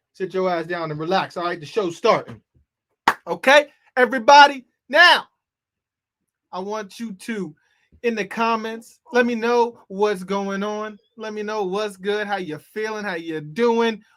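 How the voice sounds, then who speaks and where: A man's voice: high voice, steady tone, a little slow, fairly bright tone. Hyped man hosting a live comedy show. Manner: hyped, loose, talks straight to the audience. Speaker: host.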